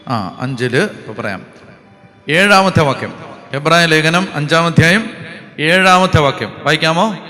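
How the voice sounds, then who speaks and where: Bright-voiced priest preaching. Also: male voice, a little high, expressive, measured pace, long pauses. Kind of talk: sermon. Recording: long hall reverb with faint music behind.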